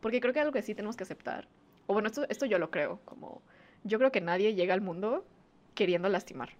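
A woman's voice: medium pitch, expressive, fast talker, darkish tone, highs cut off. A woman, co-hosting a podcast in casual chat, talking with many fillers and frequent laughs. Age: 20s. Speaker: podcast co-host.

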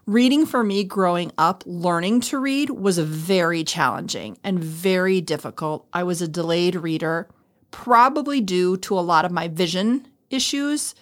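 A middle-aged woman with a lowish, fairly bright voice co-hosts a podcast, talking casually and reflectively. She used to teach elementary school, and she explains things in an earnest, conversational way.

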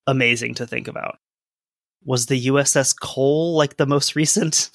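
A man's voice: mid-range voice, fairly even intonation, normal speed, creaky, a bit bright, no room sound, clean studio sound. A man co-hosting a casual history podcast, reading old newspaper quotes aloud in a conversational way. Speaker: podcast co-host.

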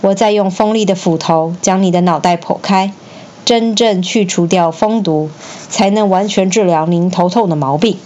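A woman's voice: on the low side, moderate pace, a little mellow, lo-fi sound, slight background noise, lightly acted. A woman voicing an earnest, self-assured old male physician in a children's story reading. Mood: confident. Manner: self-assured, then pleading.

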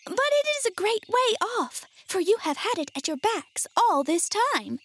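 A tiny mouse queen, squeaks in a very high little voice. She is helpful and regal in a small way, straight out of a children's storybook. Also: big pitch swings, measured pace, full character voice. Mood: helpful, brisk. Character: tiny female queen of field mice, helpful.

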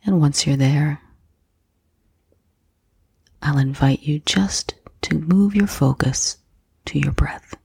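A woman guiding a slow breath-counting meditation in a soft, gentle, breathy voice with unhurried pauses. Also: deep voice, dry recording. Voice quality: soft, breathy, husky, often near whisper. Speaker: meditation guide.

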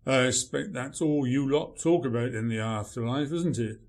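A man's voice: medium pitch, normal speed, darkish tone, close to an everyday voice. A man playing a grumpy male writer, dry, sarcastic and dismissive in a radio play. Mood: sardonic.

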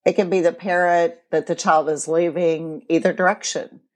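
A woman in her forties, co-hosting a podcast and explaining things in a measured way from her counseling work. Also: lowish voice, fairly even intonation. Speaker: podcast co-host and co-parenting counselor. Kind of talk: casual podcast chat.

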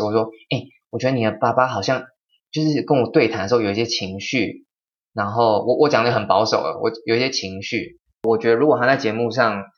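A young man, a podcast host telling a story in casual chat, animated and often quoting people. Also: lowish voice. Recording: slightly dull lo-fi sound.

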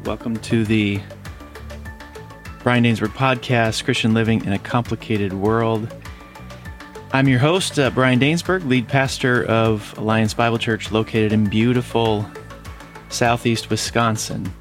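A man hosting a podcast as a pastor, interviewing a guest with a halting, filler-heavy way of talking. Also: lowish voice, steady tone, faint music behind. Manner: halting, many fillers and restarts. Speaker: host and lead pastor.

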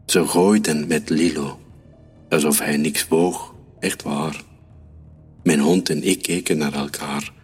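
A man reading a children's story aloud in a calm, measured way. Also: rumbling low, slightly rough. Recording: reverberant room with soft music.

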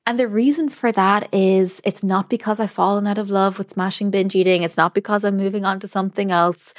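A woman's voice: medium pitch, fairly even intonation, brisk, no echo. Lady doing a solo podcast, earnest and emphatic, really dry close mic. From United Kingdom. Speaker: podcast host, dietitian. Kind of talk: solo podcast talk addressed directly to the listener.

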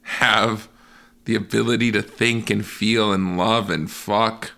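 A man co-hosting a podcast in casual chat, giggling often and jumping high in pitch when he laughs. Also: fairly even intonation, slow, gravelly, pushed and bright. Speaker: podcast co-host.

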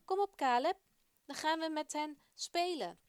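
A woman voicing a curious, eager Israelite boy in a children's radio story, asking lively questions. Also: fairly high pitch, normal speed, no room sound, studio quality.

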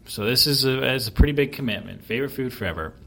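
Male podcast co-host, casual chat, lively swinging pitch, laughs often. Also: fast talker, vocal fry. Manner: animated, laughs often, repeats himself.

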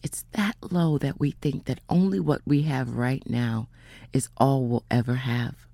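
A woman telling a faith testimony in a casual storytelling way, slowing down and dropping to whispers for emphasis. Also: a bass voice, fairly even intonation, gravelly, mellow, dry recording. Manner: storytelling, acts out quoted voices; slows down for emphasis, drops to whispers. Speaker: speaker giving a testimony.

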